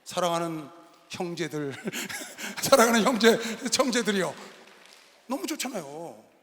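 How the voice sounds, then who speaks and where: Animated male pastor in a reverberant arena. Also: sits high, measured pace. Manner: animated storytelling, bursts of shouting. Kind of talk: sermon. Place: large arena hall. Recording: long reverb of a large arena hall.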